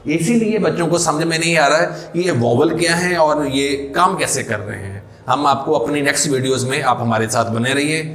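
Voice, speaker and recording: A man teaching English pronunciation in a classroom-style lesson, mixing Hindi with English terms and asking questions he answers himself, slowing down on key words. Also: on the high side, a bit bright, reverberant.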